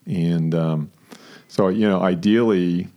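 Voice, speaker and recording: A man's voice: sits low, takes it slowly, dark tone. A man co-hosting a talk show, speaking casually, acting out quoted lines and laughing often. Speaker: podcast co-host.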